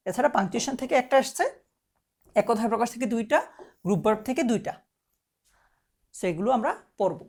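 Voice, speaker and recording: A woman's voice: fairly high pitch, animated, quick pace, long pauses, a little mellow. A young woman tutor, giving a casual exam-prep lecture in a direct, coaxing way and often checking that students follow. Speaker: admission test tutor.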